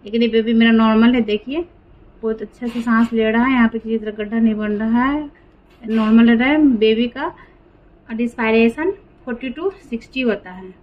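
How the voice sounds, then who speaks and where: A nurse demonstrating a medical check, explaining each step plainly and patiently. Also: female voice, on the high side, moderate pace, roomy sound, dull audio.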